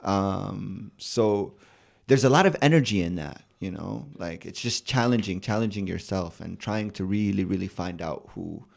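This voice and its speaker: Podcast guest: young American man, low gravelly voice, thoughtful and loose, lots of restarts. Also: normal speed. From United States. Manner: relaxed, thoughtful, many fillers and restarts. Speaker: rapper and poet guest. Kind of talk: casual podcast interview.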